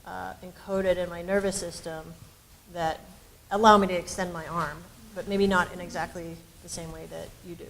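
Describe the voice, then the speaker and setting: Against a crowd in the background, a woman with a fairly low, flat voice talks at a moderate pace with hardly any pauses. A panelist and researcher at a university discussion, she explains ideas tentatively, full of ums and restarts, and the recording is rough.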